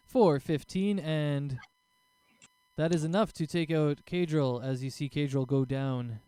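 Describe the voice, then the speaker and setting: A man's voice: on the high side, slow pace, mellow, clear, resonant tone, no room sound. A man acting as game master, casually narrating a tabletop role-playing game.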